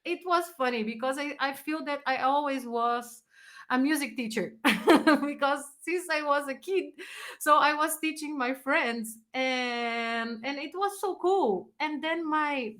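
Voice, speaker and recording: Being interviewed casually, this high-voiced woman from Brazil, who grew up partly in Chile and teaches and plays music, recounts her own experiences in English, which is not her first language after Portuguese. She is a lively storyteller, acting scenes out with animated expression.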